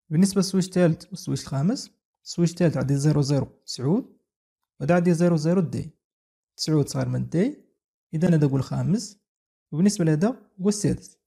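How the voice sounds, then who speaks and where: A man's voice: on the high side, gravelly, mellow, husky. A man with a Moroccan Arabic accent, explaining a networking exercise step by step in a tutorial, mixing in French and English technical terms. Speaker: networking instructor. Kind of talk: screen-recorded tutorial walkthrough.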